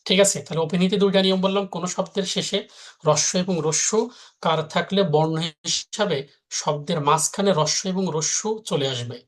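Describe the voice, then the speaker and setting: A man's voice: high voice, a little fast, fairly bright tone. A man teaching a live grammar lesson, repeating each rule and answering his own questions.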